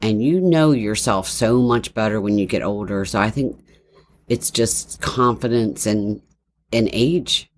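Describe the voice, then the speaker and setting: A woman's voice: a bass voice, measured pace, a little hiss or hum. A middle-aged woman chatting on her daughter's podcast, giving blunt, emphatic reactions. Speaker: host's mother, co-host. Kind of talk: casual podcast chat.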